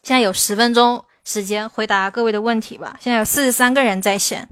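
A woman English teacher answering viewers' questions in a livestream, explaining slowly and stressing her English examples. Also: a little high, steady tone, fairly bright tone, clear, resonant tone, dry recording. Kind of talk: livestream Q&A lesson.

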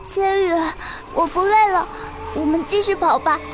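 A woman's voice: very high-pitched, normal speed. A woman voicing a clingy, easily frightened little girl who pleads and whines at her older sister, over background music. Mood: scared pleading. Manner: pleading, whiny childlike asking. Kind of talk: amateur audio drama.

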